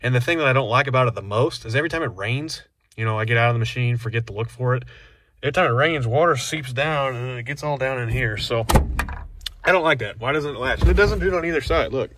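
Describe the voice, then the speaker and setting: A man's voice: medium pitch, fast talker, noisy background. A man giving a casual, rambling review of his skid steer from inside its small cab, talking bluntly about what he dislikes.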